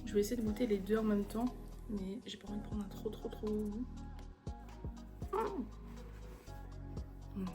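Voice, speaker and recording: A woman's voice: medium pitch, flat delivery, fast talker. A young woman chatting casually in a haul vlog, gushing with enthusiasm over her purchases, with music playing behind her. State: a little out of breath. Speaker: vlogger. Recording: background music.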